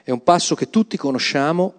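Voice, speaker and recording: Man, preacher, emphatic sermon, somewhat high pitch, reverberant hall. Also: brisk. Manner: emphatic, calls the congregation to repeat words. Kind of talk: sermon with Bible reading. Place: church hall.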